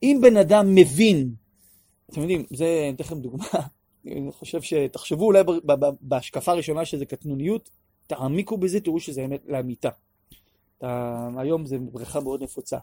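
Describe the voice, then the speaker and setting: Animated man teaching a class. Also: on the high side, breathy edge, dry recording, studio quality. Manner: animated, acts out prayers aloud, sometimes shouting. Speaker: religious teacher. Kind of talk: lecture on prayer to a class.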